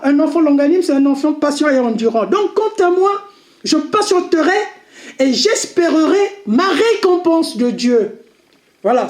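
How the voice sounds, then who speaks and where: A woman with an Arabic accent giving a deliberate religious lesson, repeating key points and checking in with listeners. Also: high voice, a little mellow, reverberant. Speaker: religious video commentator. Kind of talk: slow explanatory religious lesson.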